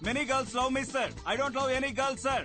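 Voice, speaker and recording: An actor playing a silly male candidate who boasts slowly in halting broken English, in dubbed film comedy. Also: extremely high pitch, steady tone, music in the background, heavily acted. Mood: boastful.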